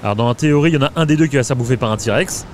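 A man's voice: medium pitch, racing, slight background noise. A man giving casual, hesitant gameplay commentary with many filler sounds. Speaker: let's play gamer. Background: game music.

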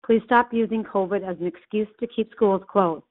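A woman's voice: mid-range voice, normal speed. Earnest woman in her forties, phone line. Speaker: parent and occupational therapist making a public comment. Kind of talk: recorded public comment by phone.

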